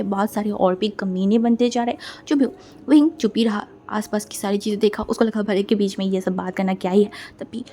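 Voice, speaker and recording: A woman's voice: medium pitch, warm tone, slight background noise. A woman casually retelling a fan fiction story, often repeating words and mixing in English.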